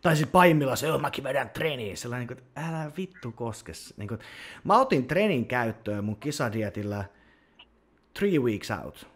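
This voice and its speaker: A man's voice: medium pitch, big pitch swings, a bit bright. Blunt heated man ranting on a podcast. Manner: blunt, heated, swears a lot. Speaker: podcast host. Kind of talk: casual podcast rant.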